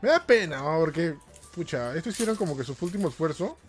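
A man's voice: a little high, expressive, quick pace, soft background music. A man with a Peruvian accent hosting a casual gaming podcast, chatty and jokey with plenty of slang. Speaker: podcast host.

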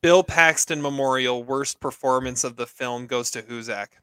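A man co-hosting a movie podcast in a relaxed way. His voice is smooth and resonant, recorded dry and close. He chats with quick short reactions. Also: medium pitch, no echo. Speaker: podcast co-host. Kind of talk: casual movie podcast chat.

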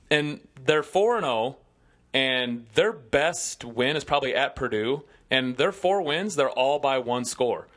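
With a slightly high, fairly bright voice, a Midwestern-accented co-host gives confident, chatty betting analysis on a sports podcast. He banters casually about his football picks into a studio mic.

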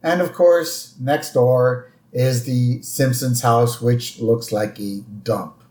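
A man co-hosting a podcast, chatting casually as he recaps a cartoon episode and slips into quick character voices. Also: mid-range voice, steady tone, darkish tone, roomy sound. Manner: retells scenes with quick put-on character lines. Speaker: podcast co-host.

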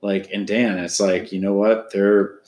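A man in his thirties talks sports on a podcast in a deep, low voice. He rambles and repeats himself, circling back to his points. The room around him rings with echo. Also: level tone, measured pace, a little mellow. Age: 30s. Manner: rambling, repeats words, many restarts. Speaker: podcast co-host. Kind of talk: casual sports chat.

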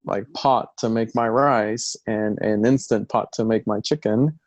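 A man hosting a casual podcast, trading playful jokes with his guest. His voice is low and sounds dry and close, with no room echo. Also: steady tone, a little slow. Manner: joking, playful banter. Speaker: podcast host.

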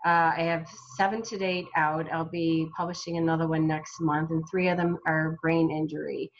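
Woman guest, author, slow halting testimony, low voice, muffled recording. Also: flat delivery. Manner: halting, with many restarts and fillers. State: recovering from a brain injury. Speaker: guest, self-published author. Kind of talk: personal testimony in an interview.

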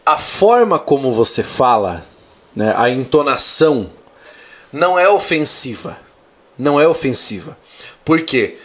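A man who teaches Portuguese, a father, hosting a casual live chat, reading viewer comments and explaining language use in a measured way. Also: mid-range voice. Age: adult, father of a young child.

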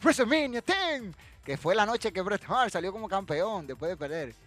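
A man's voice: high-pitched, lively intonation, moderate pace, a bit bright, soft background music. A man hosting a casual live trivia stream, teasing viewers and answering the chat directly. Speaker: livestream host running a wrestling trivia quiz.

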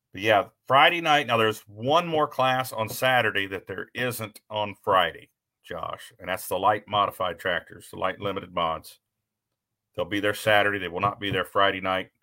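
Bright, forceful man announcing tractor pulls. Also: sits low, vocal fry. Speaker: tractor pull show host and announcer. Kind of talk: casual live talk as a tractor pull announcer.

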